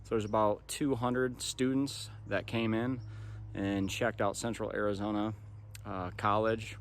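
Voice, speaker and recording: An American man in his 30s hosts a vlog, giving a casual, conversational recap to camera in a lowish voice. He's outdoors on a park path and in a parking lot, filming on a phone held at arm's length, with faint outdoor noise in the background.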